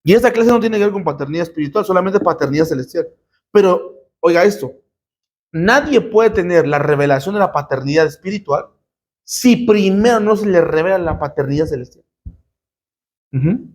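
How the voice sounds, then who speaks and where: High-voiced emphatic male pastor preaching. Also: lively intonation, normal speed, a little mellow. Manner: emphatic, rhetorical questions, call-and-response with listeners. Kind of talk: sermon teaching.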